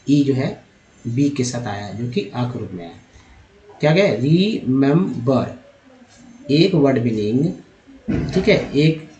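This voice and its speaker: A man's voice: medium pitch, mellow, highs cut off. Man teaching in an echoey room. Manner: spells out letters and sounds words out slowly. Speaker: English reading teacher. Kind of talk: teaching lesson, reading words off slides.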